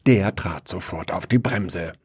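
Husky low-voiced male narrator. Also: a little slow, a little mellow, no echo, clean studio sound. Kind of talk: storytelling.

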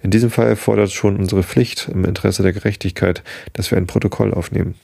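A man's voice: low voice, steady tone, fast talker, gravelly, dark tone, breathy edge, no echo, clean studio sound, exaggerated voice. A man reading the lines of a pale, expressionless police inspector who speaks in a formal, mechanical way.

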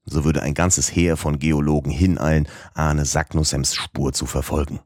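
A man voicing a stern, excitable old professor in an audiobook, speaking in a raised, emphatic, lecturing way. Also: a bass voice, normal speed, no echo, studio quality. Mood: eager. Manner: emphatic, lecturing, pushes eagerly ahead. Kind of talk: audiobook character voice.

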